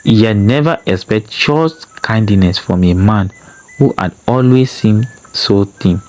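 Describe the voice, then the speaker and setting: A storyteller man narrating an emotional tale in a slow, dramatic reading style. His voice sits on the low side. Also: darkish tone, poor audio.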